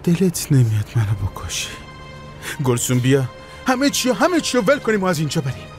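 A man's voice: on the high side, wildly swooping pitch. A man dubbing a manipulative ex-lover in a TV drama, coaxing and pleading in turn, over a music bed. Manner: coaxing, wheedling, then pleading. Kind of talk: dubbed TV drama. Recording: music playing under the voice.

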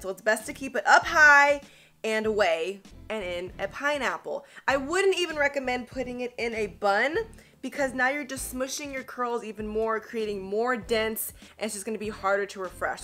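A beauty vlogger in her thirties talks to the camera through a hair tutorial, chatty and upbeat as she coaches her viewers. Her medium-pitched voice comes across pushed and bright. She's recording in a small indoor studio against a grey backdrop.

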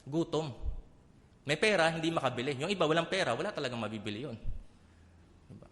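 A man's voice: fairly high pitch, lively intonation, fast, fairly bright tone. A man from the Philippines giving a public Bible talk, often asking the audience rhetorical questions. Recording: long hall reverb.

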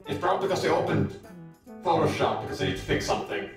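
A man's voice: fairly high pitch, very animated, fast, very echoey, far from the mic, music in the background. A man streaming live, his voice warped by an accidental voice-changer filter that sounds like talking into a fan, chatting distractedly while fixing settings. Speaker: livestreamer. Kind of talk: casual live-stream chat.

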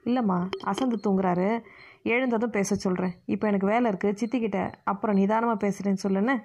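A woman's voice: mid-range voice, steady tone, brisk, darkish tone, lightly acted. Woman voicing a fretful scolding mother. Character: worried scolding middle-aged mother. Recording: muffled lo-fi recording.

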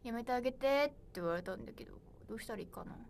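A woman's voice: on the high side, expressive, racing, gravelly, a little hiss or hum. A young woman in her twenties hosting a solo livestream, chatting playfully and reading viewer comments aloud. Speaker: idol livestream host. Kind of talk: casual livestream chat.

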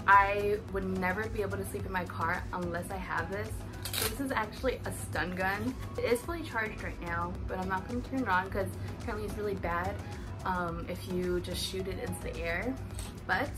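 A young woman in her twenties chatting through a casual unboxing vlog, upbeat and thinking aloud, filmed by a camera in front of her in a living room. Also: mid-range voice. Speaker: vlogger. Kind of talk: casual product haul vlog. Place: living room at home, indoors. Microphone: camera in front at table distance.

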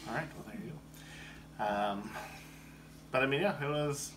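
A young man co-hosting a casual reaction video, talking in a relaxed, hesitant way and trailing off. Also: mid-range voice, moderate pace, noisy background.

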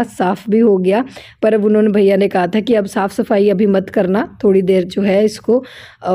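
A woman's voice: mid-range voice, dark tone. A middle-aged woman from India, narrating a casual home vlog in a chatty storytelling way and repeating phrases for emphasis. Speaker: vlogger.

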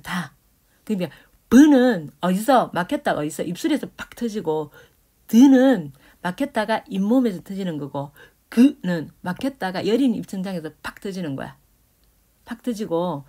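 A woman with a warm, medium-pitched voice teaches Korean grammar in a lecture that explains phonetics. She demonstrates consonants out loud, describes the speech sounds, and checks in with her students.

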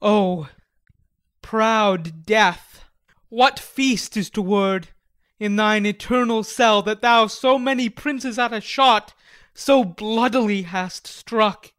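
Slow, stately Fortinbras, acted by a man. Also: sits high, fairly bright tone, clean tone, no echo. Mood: grave, commanding. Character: young conquering prince, grave, commanding. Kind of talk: classical stage tragedy, dramatic audiobook reading.

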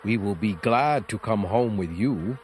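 Man doing slow singsong stubborn bees. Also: fairly low pitch, animated. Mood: smug. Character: swarm of stubborn contented bees.

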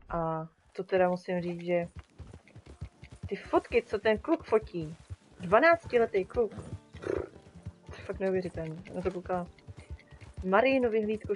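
A woman's voice: mid-range voice, pauses often, a little mellow, soft background music. Chatty woman streaming a game. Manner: chatty, talks to chat and to animals in the game. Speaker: streamer and graphic designer. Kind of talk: casual live-stream gameplay chat.

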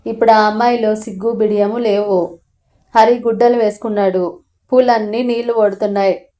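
A woman narrator reading a romantic novel aloud in a steady, even storytelling manner. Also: mid-range voice, normal speed.

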